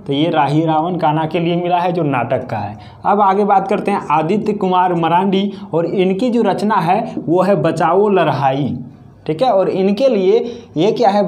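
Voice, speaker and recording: High-voiced, mellow Hindi tutor explaining. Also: male voice. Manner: explains step by step, asks and answers his own questions. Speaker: teacher. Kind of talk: exam-prep lesson with memory tricks.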